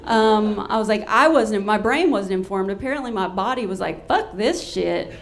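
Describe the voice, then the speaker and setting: A woman comedian telling a comic story on stage in a brash, profane, animated way. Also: mid-range voice, moderate pace.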